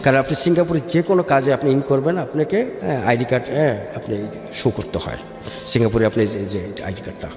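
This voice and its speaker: Speaking fast in a mid-range, darkish voice, a man with a Bangladeshi accent recounts his life story in a radio interview, mixing in English words and checking that the listener is following. The room is echoey and reverberant, with background music playing.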